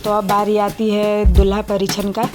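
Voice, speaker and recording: Over loud music, a young woman gives a casual voice-over for her own wedding video, speaking to viewers as friends and using plenty of fillers. She talks in a medium-pitched monotone at a moderate pace.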